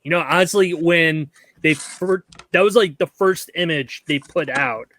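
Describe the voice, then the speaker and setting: A giggly male host on a casual movie review podcast, chatting loosely with plenty of fillers. His voice sits a bit high for a man. The sound is dry and close. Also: a little slow, fairly bright tone, dry recording.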